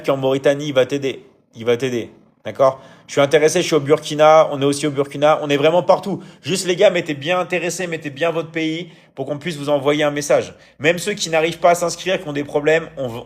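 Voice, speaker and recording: A brisk man with a voice on the high side hosts a casual live stream as a coach. He answers viewer comments hesitantly, full of fillers and restarts, and often checks in with his audience.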